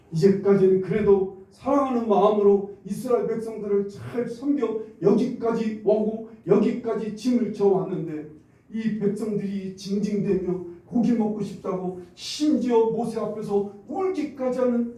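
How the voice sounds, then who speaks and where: A man's voice: high-pitched, warm tone. A male pastor preaching a sermon, retelling a Bible story and acting out the grumbling crowd in quoted voices. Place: church sanctuary. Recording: very echoey church hall, mic at a distance.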